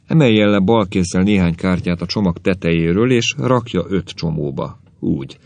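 A sly old fortune-teller woman who speaks with slow solemn dignity, as a man voices her in a storybook reading. The voice stays deep and gravelly. It sounds close and dry. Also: a little mellow, dry recording.

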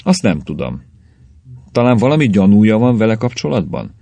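A man voicing a calm, matter-of-fact male police official who explains things dryly. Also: fairly low pitch, gravelly, voice pushed up.

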